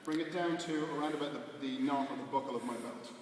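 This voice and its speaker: A man's voice: medium pitch, fast. Echoey, distant male martial arts instructor. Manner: short, clipped instructions. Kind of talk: hands-on class demonstration with casual explanation. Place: large echoey indoor training hall. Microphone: distant camera microphone. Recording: echoey hall from afar, clear background noise.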